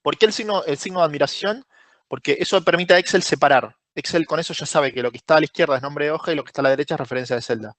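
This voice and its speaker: A man's voice: fairly high pitch, racing, a bit bright, dry recording. Rioplatense man teaching a live class. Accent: Rioplatense Spanish. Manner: asks the class questions and praises answers by name. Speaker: Excel course instructor. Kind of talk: live online class, explaining step by step.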